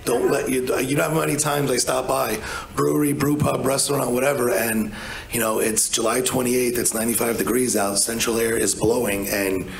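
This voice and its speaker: A medium-pitched, level-toned man with vocal fry speaks at a normal pace on a rough, reverberant recording. As an energy advisor on a conference panel in a large hotel conference room, he's casual and blunt, with many restarts and repeated "you know."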